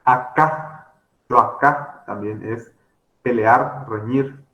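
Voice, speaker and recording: A man with a Paraguayan Spanish accent giving a grammar lecture, talking slowly with many fillers and self-corrections. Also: mid-range voice, bright, forceful tone. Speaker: language teacher. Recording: roomy, slightly dull recording.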